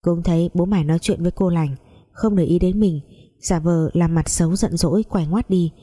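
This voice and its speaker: A woman narrating a melodramatic family story, reading every character in a mostly even voice. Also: on the low side, normal speed.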